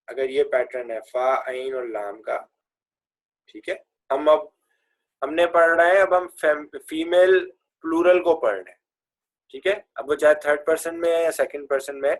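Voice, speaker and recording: A man teaching Arabic verb forms with a slightly high voice, chanting the conjugations and having the class repeat after him. His explanations are full of English grammar terms, delivered as a classroom drill. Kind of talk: classroom lesson with recitation drills.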